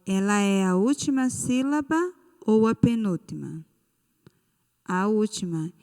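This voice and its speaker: A woman's voice: medium pitch, slow, dark tone, smooth, long reverb tail. A Brazilian woman teacher giving a recorded lesson to children, patiently drawing out key words. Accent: Brazilian Portuguese. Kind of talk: recorded online class for children.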